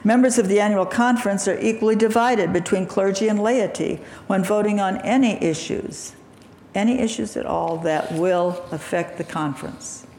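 Gravelly-voiced woman preaching in a church. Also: medium pitch, darkish tone. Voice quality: gravelly, throaty morning voice. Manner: measured, earnest preaching with throat clearing. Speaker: lay speaker. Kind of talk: sermon. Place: church sanctuary. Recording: echoey hall reverb, faint ambience.

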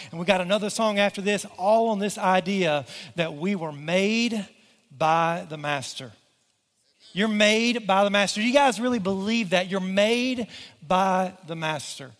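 A man, a church pastor, preaching a sermon and telling a story with lively energy, calling on the congregation to take part. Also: sits high, moderate pace. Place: church auditorium. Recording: long hall reverb.

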